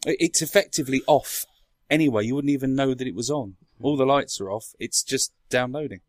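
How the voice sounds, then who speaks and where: A man's voice: medium pitch, fairly quick, dry recording. A man in a casual tech chat, explaining things in a rambling way as a podcast speaker. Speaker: podcast guest or co-host explaining a console.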